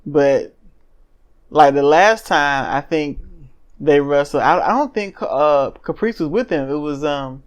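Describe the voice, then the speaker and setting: A man with a fairly high voice co-hosts a casual wrestling podcast. He stays relaxed, drops short asides into the recap and laughs easily. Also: measured pace, smooth. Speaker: podcast co-host. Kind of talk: casual wrestling review chat.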